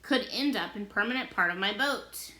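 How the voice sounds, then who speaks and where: A woman's voice: medium pitch, lively intonation, normal speed, pushed and bright. A woman voicing a cheerful, easygoing old fisherman who laughs easily, in a roomy-sounding recording. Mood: reassuring. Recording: roomy echo.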